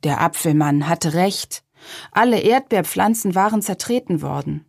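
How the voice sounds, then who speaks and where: A woman reading a children's storybook aloud in a calm, measured way. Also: fairly low pitch, gravelly, no echo, studio quality.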